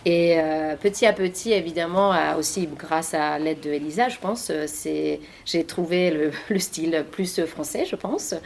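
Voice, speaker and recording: Her deep voice is creaky and a little mellow, a little slow, with hardly any pauses, over a little hiss or hum. She is a Finnish author and journalist in her forties, interviewed in a library meeting room, answering in French, her second language, with a Finnish accent and many fillers and restarts.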